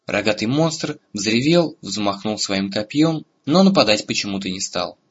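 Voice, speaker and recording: A man reads a fantasy story aloud in a steady, even manner. His voice is low and husky. The recording is dull and lo-fi. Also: unhurried. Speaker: audiobook narrator. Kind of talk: scripted narration. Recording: lo-fi audiobook recording.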